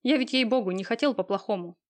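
A woman's voice: on the high side, quick pace, natural voice. A woman voicing a smug, cold, lazy young man in an audiobook, talking in an offhand, sneering way with coarse slang. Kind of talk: audiobook reading.

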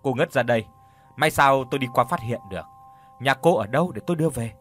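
A man doing a brisk, calm young wanderer. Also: mid-range voice, faint music behind, natural voice. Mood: helpful.

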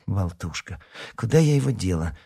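A man reading an audiobook, voicing a dreamy, flattering teenage schoolgirl who talks in a wheedling way. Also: sits low, moderate pace, gravelly, husky, exaggerated voice. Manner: wheedling, flighty.

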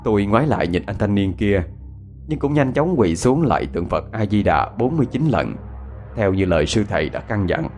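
A man telling a scripted horror story in an animated, dramatic way. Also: on the low side, a little fast, soft background music.

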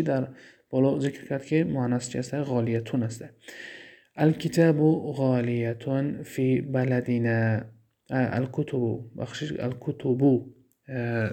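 A man with a Tajik accent teaching an Arabic grammar lesson, asking himself questions and repeating key terms slowly. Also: medium pitch, vocal fry, warm tone.

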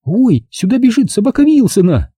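A man voicing an excitable, caring young girl in a storybook reading, with high urgent cries. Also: normal speed, husky, no echo, clean studio sound, heavily acted. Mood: eager.

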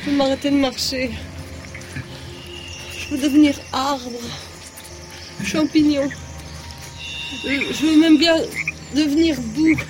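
An actress playing a feverish, delirious spy woman in a radio drama, rambling between hushed words and outbursts. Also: high voice, fairly even intonation, takes it slowly, pauses often, music in the background. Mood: exhausted.

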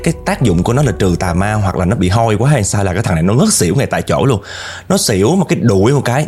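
A man with a Southern Vietnamese accent telling a ghost story in a casual, animated way, often speaking straight to the listeners. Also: fairly low pitch. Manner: animated, addresses listeners directly.

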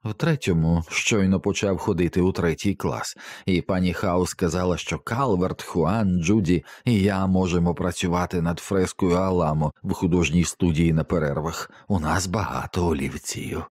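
A man voicing a frail, wasted man with a dry, brittle voice who talks slowly and vaguely, like a child. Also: deep voice, steady tone, darkish tone, no echo. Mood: dreamy. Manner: slow, drifting, childlike. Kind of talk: audiobook character voice.

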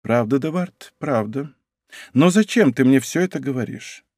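A troubled young count, quiet and uneasy in his questions, as a male reader plays him. Dry, close studio sound. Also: mid-range voice, lively intonation, normal speed, no room sound, close to an everyday voice. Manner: anxious, hushed speech.

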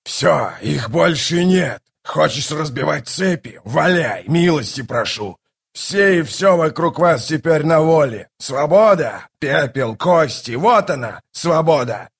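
A man's voice: medium pitch, moderate pace, slightly rough. A man voicing a scornful ancient tyrant king in an audiobook, mocking and boastful. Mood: raging. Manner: mocking, boastful, erupts into shouting. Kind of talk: audiobook character voice.

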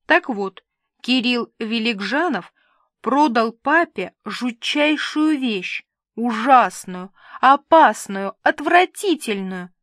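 Woman audiobook narrator, slow and expressive, dry close sound. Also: on the high side, no room sound. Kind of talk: scripted narration.

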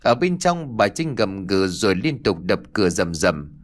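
Man, audiobook narration, expressive, animated pitch, dramatic storytelling. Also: normal speed. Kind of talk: scripted horror story narration.

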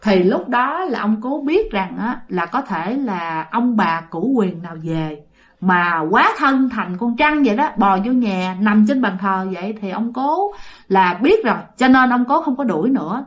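A woman narrates ghost stories in a loose, chatty way, talking straight to her listeners. Her voice sits a little high, and she fills her sentences with small tag words. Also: big pitch swings, normal speed. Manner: chatty, addresses listeners often, many fillers. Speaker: storyteller.

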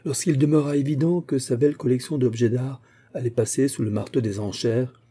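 A man reading a classic novel aloud in measured literary narration. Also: medium pitch, fairly even intonation, warm tone, breathy edge.

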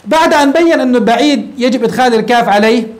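A man teaching a grammar lesson, often checking in with quick rhetorical questions. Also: very high voice. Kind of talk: classroom grammar lecture.

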